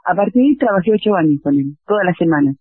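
A woman with a Rioplatense accent tells her stories in a husky, lively voice, often acting out the dialogue. The sound is tinny and narrow, as if it came over a phone line into a radio studio. There is no room echo at all. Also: on the low side, very fast. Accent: Rioplatense Spanish. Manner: lively anecdotal, acts out dialogue. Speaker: tango singer and actress being interviewed. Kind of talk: radio interview storytelling.

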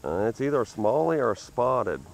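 A man with a Southern US accent, talking excitedly to viewers while fishing from a creek bank, recorded on a head-mounted camera. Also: mid-range voice, fairly quick. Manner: excitable, exclaiming over catches, talking to viewers. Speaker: fishing vlogger. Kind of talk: casual outdoor commentary while fishing.

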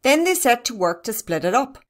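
A woman's voice: a little high, big pitch swings, a little fast. Woman reading a children's story. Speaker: reader. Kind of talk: scripted children's story narration.

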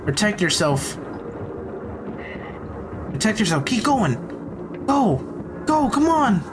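Speaking slowly in a high-pitched, sing-song voice, a man reacts live and casually to a scary video, using slang and begging the screen with short phrases he keeps repeating. The audio is noisy, with mains hum.

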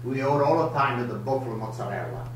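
An older man in his seventies with an Italian accent, hosting a live home cooking show in broken, animated English. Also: mid-range voice, quick pace, far from the mic, slight background noise. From Italy. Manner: broken English, lively, gestures a lot. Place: home kitchen, indoors. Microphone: camera across the counter. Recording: echoey kitchen, voice from afar.

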